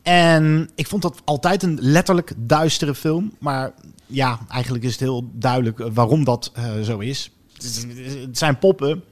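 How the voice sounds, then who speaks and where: A man's voice: mid-range voice, measured pace. A man co-hosting a podcast about TV series, chatting casually and giving opinionated, descriptive reviews. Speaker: podcast co-host.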